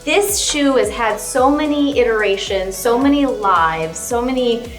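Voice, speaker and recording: A woman's voice: fairly high pitch, lively intonation, measured pace. A woman hosting an awards pre-show in gushing, enthusiastic red carpet chatter. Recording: echoey room with music behind. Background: music.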